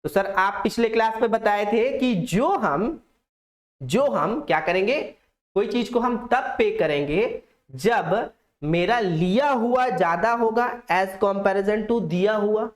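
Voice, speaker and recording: A man's voice: high voice, lively intonation, takes it slowly. A young man teaching a classroom accounts lecture in Hindi, asking the students questions aloud and answering them himself. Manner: coaxing, talks straight to the students.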